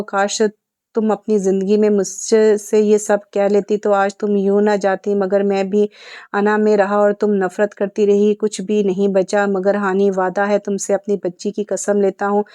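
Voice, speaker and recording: A woman's voice: medium pitch, warm tone, no echo, close to an everyday voice. Woman reading as a grieving proud husband.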